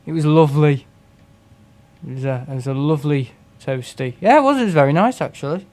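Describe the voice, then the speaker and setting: His voice is on the high side, expressive, a little mellow and fairly quick as this young English streamer plays a flight sim. Casual and self-deprecating, he reads the chat out loud and laughs frequently.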